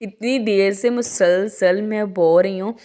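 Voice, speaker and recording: A young woman from Pakistan talks through a vlog voice-over at a middling pitch, rambling with restarts and asides as she tells a home story. She sounds worn out from talking so long. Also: measured pace, dark tone. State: tired from talking. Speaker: vlogger.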